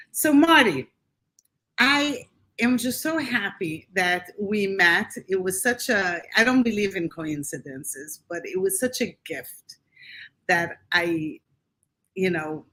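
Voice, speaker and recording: A woman's voice: mid-range voice, a bit bright. Woman, live-stream host, video call, effusive, repeats herself. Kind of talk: live-streamed interview show.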